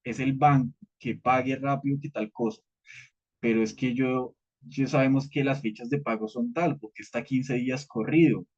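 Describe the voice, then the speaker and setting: Husky-voiced man teaching a training session. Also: mid-range voice, steady tone, normal speed, a little mellow. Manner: conversational teaching, frequent "¿listo?" checks, repeated fillers. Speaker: cybersecurity trainer. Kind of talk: live training session with participants. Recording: dull lo-fi audio.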